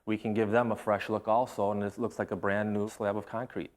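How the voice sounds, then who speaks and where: A man explaining a product in an interview as a trade representative, plain-spoken and somewhat halting. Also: fairly low pitch, flat delivery. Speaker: interviewed flooring company representative.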